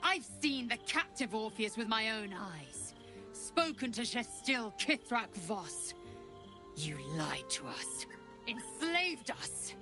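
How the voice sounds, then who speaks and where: A woman's voice: fairly high pitch, big pitch swings, takes it slowly, music in the background. An actress playing a proud, fierce young warrior woman of an alien race in a video game, intense and defiant. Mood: accusing. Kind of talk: dramatic video game acting.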